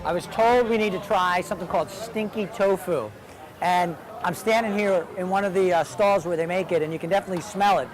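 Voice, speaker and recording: A man's voice: sits high, a little fast, music in the background. A man hosting a travel show, chatting casually as he tries street food at an outdoor night market. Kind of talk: casual on-location food commentary. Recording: noisy crowd outdoors. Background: busy crowd chatter.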